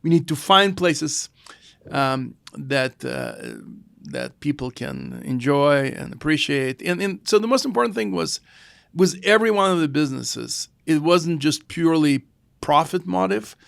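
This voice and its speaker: Middle-aged Russian-accented founder, gravelly and hesitant, dry close sound. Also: male voice, a little high, sing-song, a bit bright, no room sound. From former Soviet Union. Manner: halting, thoughtful delivery with restarts. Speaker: guest, founder. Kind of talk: casual podcast conversation.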